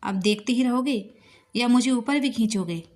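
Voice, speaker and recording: A mischievous young woman full of teasing banter, as a woman narrator voices her. The voice sits fairly high and stays bright with playful cheek, the sound of a spoken storybook romance. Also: moderate pace, close to an everyday voice.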